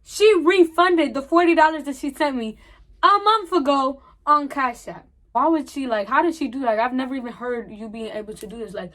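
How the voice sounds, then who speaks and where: A young woman tells a storytime vlog, with a high-pitched voice. She acts out the dialogue as she goes and keeps the telling animated. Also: fairly quick. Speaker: vlogger.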